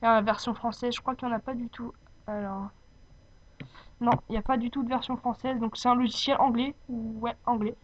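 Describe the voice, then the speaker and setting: A woman with a fairly high voice presents a casual software tutorial. She talks off the cuff and often hesitates to find the next word. The sound is dull and lo-fi, like a cheap home microphone. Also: fairly even intonation, fast talker, slight background noise. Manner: hesitant, searching for words. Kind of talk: informal unscripted software tutorial.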